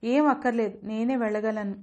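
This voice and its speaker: A woman's voice: on the high side, fairly even intonation, normal speed, darkish tone, lightly acted. A woman voicing a spirited, stubborn young daughter who has just become a mother, wheedling and headstrong in an audio storybook. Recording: dull lo-fi audio.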